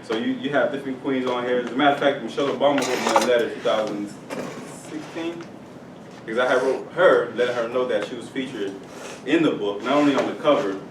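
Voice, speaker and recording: A man's voice: medium pitch, fast talker. A young man giving an upbeat motivational talk at a school career day, bantering with the class in call-and-response. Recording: echoey room, distant camera, noisy.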